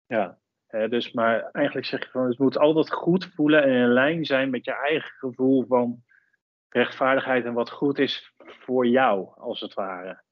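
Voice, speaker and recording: A man hosting a podcast interview, feeling his way through questions with pauses and fillers. His voice sits at a middle pitch, dry and close to the mic. The recording sounds dull and muffled. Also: dry recording. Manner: searching, hesitant questions with many fillers. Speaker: podcast host.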